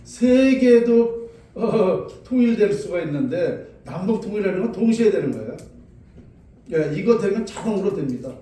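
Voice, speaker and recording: An older man answers questions as a lecturer, sounding assertive and sure. His voice is mellow and a little high. It comes through a very reverberant space, away from the mic. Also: lively intonation, a little fast. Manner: assertive, insistent. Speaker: feng shui lecturer. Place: large echoey room with an audience. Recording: very echoey hall, distant mic, faint noise.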